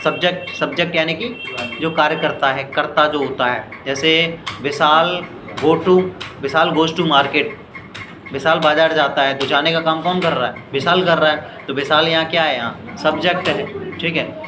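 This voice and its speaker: An Indian man teaches spoken English in Hindi, explaining slowly and step by step in a rather high voice with fairly even intonation. He often asks "clear?" and "ठीक है" and reads English examples very slowly and deliberately. The room is echoey with a noisy background.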